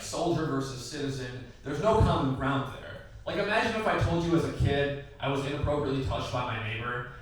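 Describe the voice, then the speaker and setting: Recorded from afar in an echoey tavern comedy room, a twenty-something stand-up comic with Iraqi family roots and a Midwestern upbringing rambles casually. He leans heavily on "like"s and acted quotes, and his medium-pitched voice is far from the mic.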